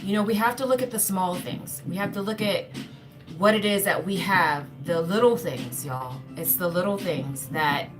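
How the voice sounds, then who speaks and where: A woman giving an earnest, repetitive spiritual pep talk, often calling her listeners y'all. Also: on the low side. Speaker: spiritual speaker. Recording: talk over clear background music. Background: music.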